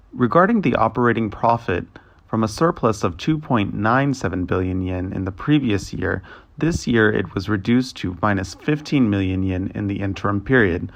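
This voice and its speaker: A man giving a translation voice-over as interpreter, with a steady, formal reading of a financial results briefing. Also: on the low side, vocal fry.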